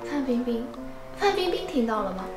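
Very high-voiced young woman, chatty. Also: big pitch swings, a little slow. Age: young adult. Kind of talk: casual chat. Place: living room, indoors. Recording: echoey room with loud music.

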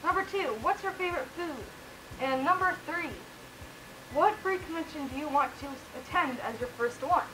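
Give me a woman talking inside a costume head, relaxed and rambling, answering viewer questions. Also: high-pitched, moderate pace, background noise. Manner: relaxed, rambling, with fillers and laughs. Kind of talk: casual Q&A chat.

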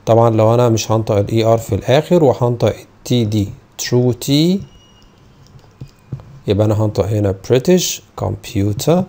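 A man's voice: on the low side, dark tone. A man with an Egyptian Arabic accent teaching an English phonetics lesson, stretching out model words and repeating each one several times. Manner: slow, drawn-out model pronunciations of English sounds. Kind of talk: online video lesson.

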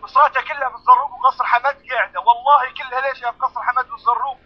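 A man's voice: very high voice, fairly even intonation, rapid-fire, husky. A man with a Libyan accent, distressed, pleading over the phone as an eyewitness and repeating oaths. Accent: Libyan Arabic. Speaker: eyewitness caller. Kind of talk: urgent phone report. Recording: muffled lo-fi phone line.

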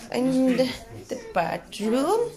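A chatty young woman films a casual travel vlog on a handheld phone, first in a car and then in a hotel room. Her high voice swings hugely in pitch, and she speaks haltingly with restarts and fillers. Crowd noise is audible.

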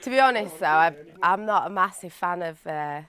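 A woman's voice: on the low side, lively intonation, normal speed, a bit bright. A woman in her twenties from England, chatting with a dry, teasing manner as a contestant on a dating show. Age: 20s. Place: indoor studio stage.

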